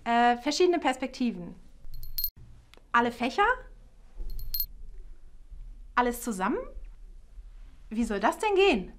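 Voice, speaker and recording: A middle-aged woman, a professor, speaking in a lively scripted video trailer, recorded in a studio on a lapel mic. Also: a little high, normal speed. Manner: lively, standing and gesturing while talking. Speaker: art education professor, keynote speaker.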